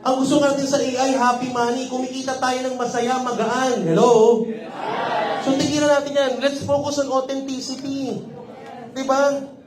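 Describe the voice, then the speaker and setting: A man's voice: very high-pitched, level tone, moderate pace. A man with a Filipino accent giving a sales training seminar, teasing and often checking that the audience is following. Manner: teasing, keeps checking in with the crowd. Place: company office training room. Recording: echoey room.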